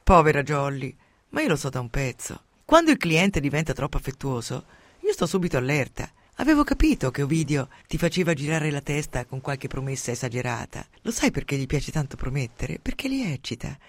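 A man voicing a shrewd, worldly brothel madam who speaks in a calm, knowing, sardonic way. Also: a little high, brisk, dry recording. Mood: wry.

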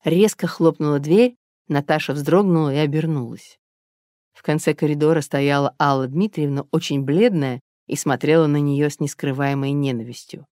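A woman narrates an audiobook in a lowish voice. The recording is dry and close, with no room sound. She reads steadily. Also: steady tone, moderate pace, mellow, no room sound.

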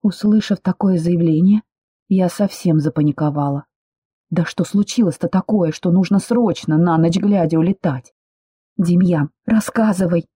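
A woman reads a first-person novel aloud with steady, expressive storytelling. Her voice is very dark and slightly husky. The sound is dry and close. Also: on the low side, normal speed, dry recording. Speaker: audiobook narrator.

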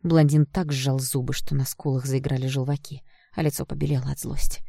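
Mellow-voiced woman narrating an audiobook. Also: extremely low pitch, fairly quick, creaky, no echo, studio quality. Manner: expressive storytelling. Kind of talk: first-person audiobook narration.

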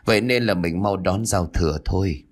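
A man's voice: sits low, moderate pace, voice pushed down. A man voicing a stern elderly male village exorcist who speaks in grave, commanding tones.

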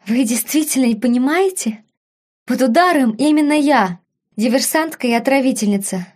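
Женщина играет отравленную хрипящую принцессу. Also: female voice, sits high, lively intonation, moderate pace, darkish tone. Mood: urgent. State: wheezing, coughing up blood. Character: poisoned young princess, defiant and weak.

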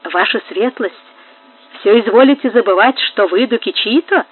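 A woman's voice: mid-range voice, normal speed, slightly rough, natural voice. A woman doing a patient, deferential manservant. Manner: respectful, coaxing. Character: patient, deferential male servant. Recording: tinny phone-like sound.

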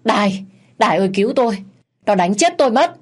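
A woman's voice: mid-range voice, a little fast, darkish tone, pitched above the performer's own voice, close to an everyday voice. A woman voicing a cowardly unfaithful husband who pleads and whines for mercy. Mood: begging. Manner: pleading, whining.

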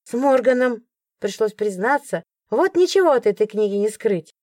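A woman giving lively, wry first-person audiobook narration. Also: mid-range voice, normal speed, no echo, studio quality.

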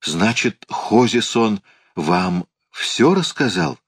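A man's voice: lowish voice, animated, takes it slowly, breathy edge, voice pushed up, full character voice. A man voicing a miserly, fretful old uncle in an audiobook, whining and flustered in protest. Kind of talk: audiobook character reading.

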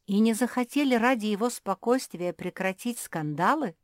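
Calm male pug, reasoning, moralizing, close dry voice, woman reading. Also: mid-range voice, normal speed, no echo, pitched above the performer's own voice, natural voice.

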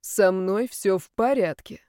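A woman voicing a shaken young woman who speaks weakly and haltingly. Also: mid-range voice, warm tone, smooth, no echo, clean studio sound, natural voice. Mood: dazed. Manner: slow, faint and halting.

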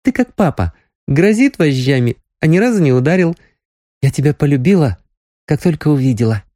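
A man's voice: on the high side, lively intonation, fairly quick, mellow, no echo, clean studio sound, pitched above the performer's own voice, close to an everyday voice. A man voicing a teasing, lovestruck young village woman in a raised, girlish, pleading voice. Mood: earnest, teasing.

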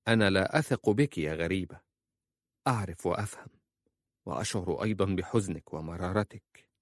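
A man's voice: low voice, fairly quick, dry recording, studio quality. A man voicing a guarded young woman who speaks firmly and with suspicion. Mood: wary. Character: stern wary young woman, guarded and firm.

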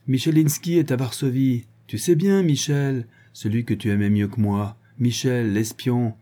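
A man's voice: mid-range voice, fairly even intonation, a little slow, mellow, natural voice. A man playing a wounded, jealous young soldier who hurls bitter accusations and curses. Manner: accusing, cursing outbursts.

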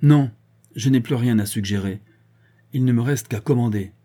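A man's voice: mid-range voice, normal speed, warm tone, breathy edge, natural voice. A man voicing a stern, angry elderly father who gives harsh, commanding orders and raises his voice.

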